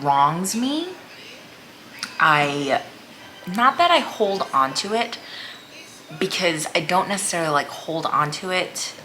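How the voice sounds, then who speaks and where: A woman's voice: low voice, sharp tone, a little hiss or hum. A woman chats casually over a meal, rambling hesitantly and leaning on "like" as a filler. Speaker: vlogger. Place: small room at home, indoors.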